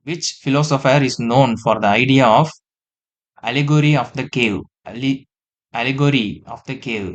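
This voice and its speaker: A man with a medium-pitched voice teaches an exam-prep lesson, reading out multiple-choice questions. He repeats each answer slowly and often slips into quieter asides.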